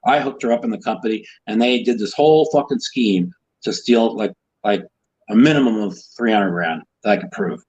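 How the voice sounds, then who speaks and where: A low, husky male voice speaking in a heated, emphatic rush, full of curses and stumbling restarts. He is a guest in a casual interview, and the recording sounds dull and lo-fi. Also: brisk, a little mellow. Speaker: guest, professional poker player.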